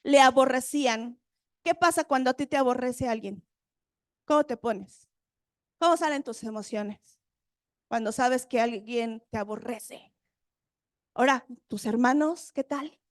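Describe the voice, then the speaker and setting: A woman's voice: a little high, measured pace, long pauses, no echo, studio quality. A woman preaching a sermon, reading Bible verses and putting questions to her listeners.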